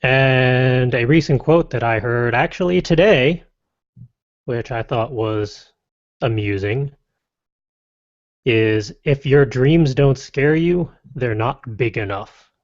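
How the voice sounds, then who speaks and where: A man hosting a casual podcast, reading lists briskly and adding wry, playful asides. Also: medium pitch. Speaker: podcast host. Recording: dull lo-fi dry podcast audio.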